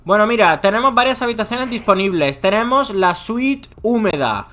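A host leading a playful game role-play, teasing and excitable, full of tag questions. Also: mid-range voice, normal speed, slight background noise.

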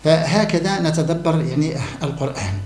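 Brief: rapid, slightly high-voiced man, insistent commentator, echoey room. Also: darkish tone. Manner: emphatic, repeats key words for stress. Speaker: religious commentator. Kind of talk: monologue to camera on the Quran.

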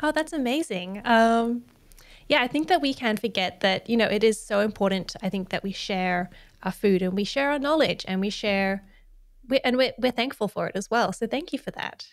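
A woman's voice: a little high, normal speed, no room sound. A woman in her thirties hosting a podcast at a studio microphone, friendly with ums. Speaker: podcast host. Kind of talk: podcast interview. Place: small studio room. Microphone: studio mic on boom arm, headphones.

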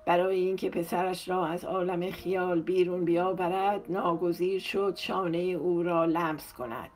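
Woman calmly narrating a novel. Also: lowish voice, slight background noise. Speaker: audiobook narrator.

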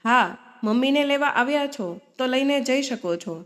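A woman's voice: sits high, animated, normal speed. A woman voicing a rude, dismissive daughter-in-law in a storybook reading. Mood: spiteful. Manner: sharp, dismissive.

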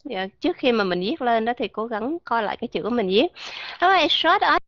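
Woman teaching english sounds in an online voice room, kinda high voice, dull lo-fi audio, keeps cheering people on and repeats words slowly. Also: animated, dry recording. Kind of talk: live online voice-chat lesson.

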